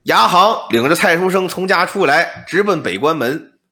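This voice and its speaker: A man telling an old ghost story on a podcast, explaining details in an animated, comic patter. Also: fairly high pitch, moderate pace. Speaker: storyteller, co-host.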